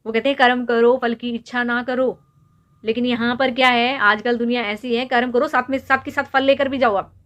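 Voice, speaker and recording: A woman's voice: fairly high pitch, fairly even intonation, moderate pace, fairly bright tone. A young woman vlogger lecturing and scolding someone directly to camera, repeatedly pressing her points home with rhetorical questions. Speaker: YouTube vlogger. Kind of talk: direct-to-camera opinion rant.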